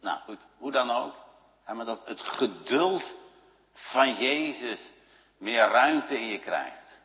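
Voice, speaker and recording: A man's voice: medium pitch, expressive, takes it slowly, a little hiss or hum. An older man preaching a sermon to his congregation in an easygoing, conversational way, often adding little tag questions. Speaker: pastor. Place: church. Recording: dull sound with long church reverb.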